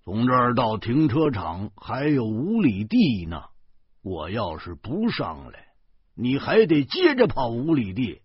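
A man voicing a teasing, jovial stout middle-aged man who mocks loudly and stammers at times, on a slightly dull lo-fi recording. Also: mid-range voice, wildly swooping pitch, a little slow, breathy edge, no echo, full character voice. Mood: exasperated. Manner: mocking, boisterous, stammers at times.

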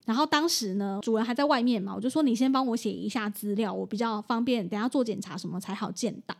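A woman's voice: a little high, quick pace, vocal fry. A woman, a veterinary clinic assistant telling a story in a casual chat. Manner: animated storytelling.

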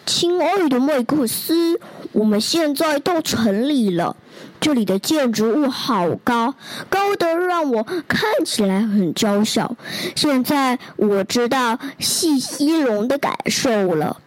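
A woman's voice: high voice, expressive, slow, no echo, rough recording. A woman voicing a huge, homesick young male T. rex in a storybook, earnest and wide-eyed, as if reading to a toddler. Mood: eager, homesick. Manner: earnest, wide-eyed, simple childlike phrasing. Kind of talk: storybook character letters read to a toddler.

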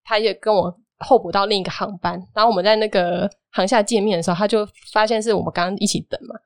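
A woman's voice: mid-range voice, quick pace, dry recording. A woman, casually recounting a personal story on a podcast and acting out the dialogue. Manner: lively storytelling, animated retelling of dialogue. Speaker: guest telling a personal story.

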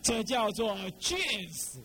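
A man's voice: very high-pitched, slow pace, low-quality recording. A middle-aged man, an abbot from Taiwan, giving a Buddhist dharma talk, who keeps firing questions at his listeners. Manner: lively, rhetorical, keeps quizzing listeners. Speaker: abbot teaching monastics.

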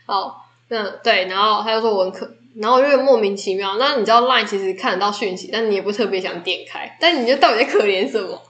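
A woman's voice: mid-range voice, fast, fairly bright tone. A young woman with a Taiwanese Mandarin accent, co-hosting a podcast in easygoing casual chat and telling stories with little laughs. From Taitung, Taiwan. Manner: easygoing storyteller, trailing off and restarting with small laughs. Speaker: podcast co-host. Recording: roomy echoey room.

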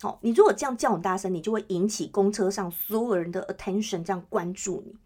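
A woman's voice: medium pitch, quick pace, dark tone, breathy edge. A woman host, chatting on her own podcast and often checking in with listeners. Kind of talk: casual solo chat.

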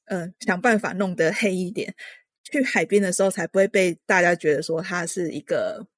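A woman's voice: on the low side, normal speed, no echo. Taiwanese woman explaining in a dry close sound. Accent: Taiwanese Mandarin. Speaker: podcast co-host. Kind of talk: casual chat.

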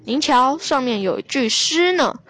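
A woman voicing a proud, boastful young male scholar in a children's storybook reading, slow and high. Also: expressive, fairly bright tone, faint music behind, full character voice. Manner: boastful, showing off.

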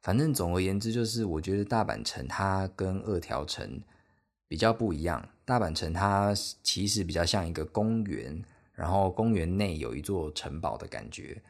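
A young man with a Taiwanese Mandarin accent hosts a solo podcast, rambling through a travel story in a chatty, self-deprecating way. His voice is deep and animated at a moderate pace.

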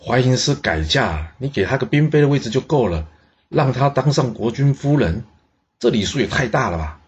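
A man's voice: mid-range voice, expressive, moderate pace, voice pushed up, natural voice. A man voicing a genial, shrewd older ruler who talks in a hearty, exclaiming way. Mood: doubtful. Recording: dull lo-fi recording.

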